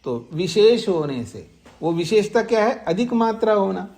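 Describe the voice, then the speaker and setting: A man teaching a class on scripture, reciting Sanskrit phrases slowly and explaining them, often asking his listeners questions. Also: sits high, big pitch swings, a little mellow. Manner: slow deliberate explaining, recites and repeats Sanskrit terms. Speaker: teacher of Vedanta sutras. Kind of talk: scriptural lecture. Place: ashram class.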